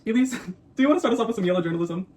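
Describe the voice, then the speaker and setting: Extremely fast-talking young woman co-host. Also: mid-range voice, lively intonation, very noisy. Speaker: co-host of a mukbang video. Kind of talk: scripted explainer mixed with playful banter.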